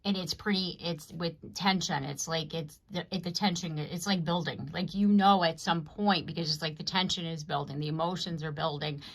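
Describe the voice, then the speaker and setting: A woman with a notably low, deep speaking voice gives a chatty tarot reading to her viewers. She talks in loose, rambling runs, circling back on her points and often checking in with "you know what I mean.". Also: fairly even intonation, normal speed, few pauses. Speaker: tarot reader. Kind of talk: casual collective tarot reading to camera.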